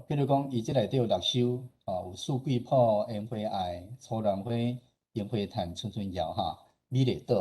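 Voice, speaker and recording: A man with a low, mellow, slightly rough voice and a Taiwanese accent presents a talk informally with slides. He is a radio station director and host. His explanations feel conversational, and he often ends phrases with little particles that look for agreement.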